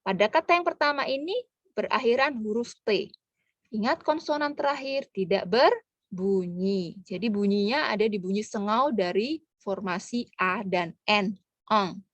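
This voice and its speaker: A woman's voice: mid-range voice, expressive, moderate pace, no room sound, lo-fi sound. A woman teaching French pronunciation in an online lesson, patiently breaking words into syllables.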